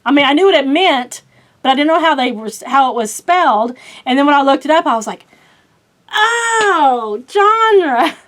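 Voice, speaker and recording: A woman's voice: high-pitched, quick pace. A middle-aged woman with an Oklahoma accent chatting casually about books on her channel, rambling with plenty of fillers and laughing at herself. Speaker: book vlogger. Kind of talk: casual chat.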